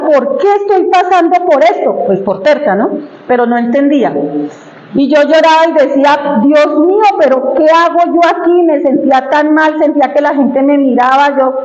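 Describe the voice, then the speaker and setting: A woman's voice: high-pitched, darkish tone. A woman preaching a sermon, sharing personal testimony in a conversational, emotional way and asking the congregation questions. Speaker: church preacher. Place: church hall. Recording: echoey, dull church recording.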